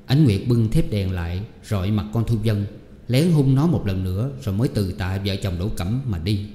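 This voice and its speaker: A man's voice: lowish voice, animated, moderate pace, mellow. A man reading a novel aloud as an audiobook narrator, lifting his voice for the characters' lines. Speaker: audiobook reader. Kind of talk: storytelling narration. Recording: roomy echoey studio with long reverb.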